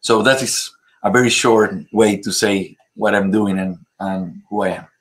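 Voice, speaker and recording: A man from Ecuador, a native Spanish speaker with an Ecuadorian Spanish accent, speaking as a pastor and guest in an interview, with halting phrasing and frequent fillers. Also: lowish voice, steady tone. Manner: halting, many pauses and fillers. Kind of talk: interview conversation.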